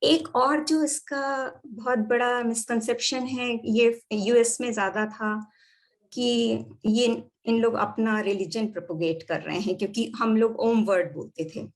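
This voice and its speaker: A woman doctor with an Indian accent gives a calm teaching talk. She explains step by step and slips between Hindi and English phrases. Her voice sits slightly high. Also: a little slow. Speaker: doctor and yoga therapy teacher. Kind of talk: lecture.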